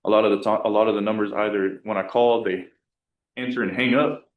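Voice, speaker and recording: A man answering as a defendant in court, hesitant and soft-spoken, with many restarts. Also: fairly low pitch, steady tone, a little fast, narrow, tinny audio. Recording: echoey courtroom, voice far from the mic.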